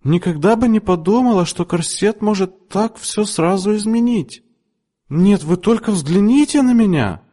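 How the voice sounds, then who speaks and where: Brief: a man doing a shrill, imperious heavyset matron for an audiobook, pitched way up, swinging wildly, in a long-reverb room. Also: sing-song, slow, full character voice. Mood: ecstatic. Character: bossy heavyset older woman customer, imperious. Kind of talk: audiobook character voice.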